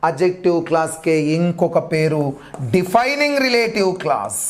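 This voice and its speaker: A man's voice: high voice, very animated, moderate pace, a little hiss or hum. A man teaching English grammar for a teacher exam, repeating key terms emphatically as he drills them. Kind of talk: exam-prep grammar lecture.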